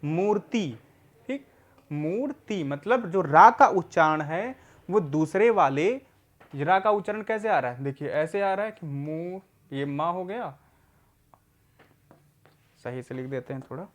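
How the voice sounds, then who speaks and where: A man's voice: on the high side, expressive. Patient man teaching a reading lesson. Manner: patient, asks questions and answers them himself; repeats words slowly for learners. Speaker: literacy teacher.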